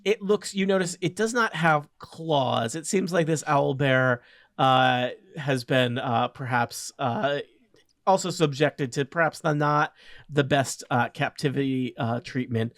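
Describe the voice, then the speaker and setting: A man's voice: fairly high pitch, measured pace, fairly bright tone, no echo. Man game-mastering in a dry, close recording. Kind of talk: improvised tabletop game narration.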